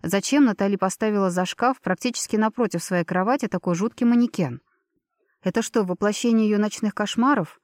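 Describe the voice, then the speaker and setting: A woman reading a first-person novel aloud in an even, measured narration. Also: medium pitch, dry recording, clean studio sound. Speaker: audiobook narrator. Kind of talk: scripted narration.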